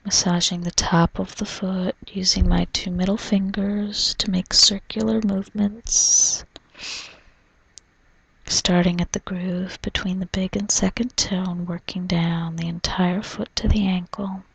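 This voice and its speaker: A woman doing a whispered role-play as a spa massage therapist, in a soft, soothing, breathy whisper, narrating gently. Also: lowish voice, level tone, unhurried, no echo, rough recording. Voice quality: breathy, mostly unvoiced whisper. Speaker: reflexologist giving a foot massage.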